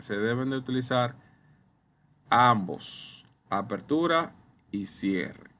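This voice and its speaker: A man teaching a recorded online lesson over slides, explaining slowly and deliberately, speaking straight to his viewers. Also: medium pitch, a bit bright. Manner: slow, deliberate explaining, addresses viewers as ustedes. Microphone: computer mic while writing with a mouse.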